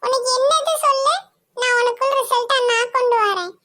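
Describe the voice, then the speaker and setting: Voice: very high voice, normal speed, sharp tone. A performer voicing a boastful teenage schoolboy who shows off to a girl. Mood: boastful, sweet.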